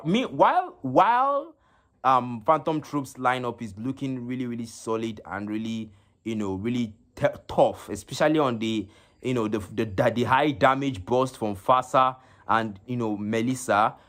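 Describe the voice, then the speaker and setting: Halting male esports stream commentator. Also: medium pitch, a bit bright. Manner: halting, with many fillers and repeated words. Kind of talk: live stream game commentary. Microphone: phone.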